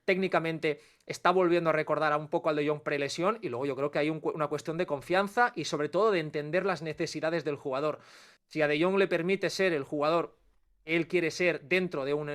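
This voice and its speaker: A man with a Spanish accent, a football pundit giving quick, analytical commentary on a sports talk show. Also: on the high side, fairly bright tone. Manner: fast, analytical, dense run-on sentences.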